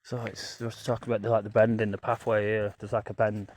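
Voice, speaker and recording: A man's voice: on the low side, level tone, a little fast, darkish tone. A man narrating a casual ghost-hunt vlog as a paranormal investigator, musing aloud to himself and to spirits. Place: outdoors on a path at night.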